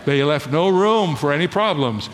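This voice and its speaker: A middle-aged man preaching a sermon in a church, telling stories with animation and slowing down to stress key lines. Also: on the high side, slight background noise. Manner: animated storytelling preacher, slows for emphasis. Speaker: pastor. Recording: long reverb of a large hall.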